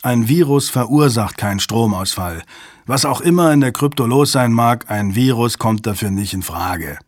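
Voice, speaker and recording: A man voicing a gruff male computer technician who brushes off worries with brusque impatience. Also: mid-range voice, expressive, normal speed, no echo, clean studio sound, natural voice. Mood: impatient.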